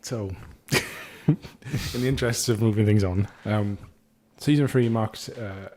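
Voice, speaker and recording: A man's voice: fairly low pitch, a little slow, a little mellow. A man hosting a casual podcast chat, rambling and swearing casually. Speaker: podcast host.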